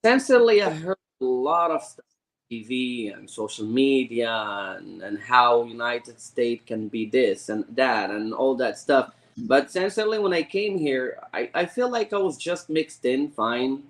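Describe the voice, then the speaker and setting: Halting, eager man from Morocco. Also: medium pitch, expressive. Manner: halting, repeats words, eager. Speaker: guest. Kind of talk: casual interview.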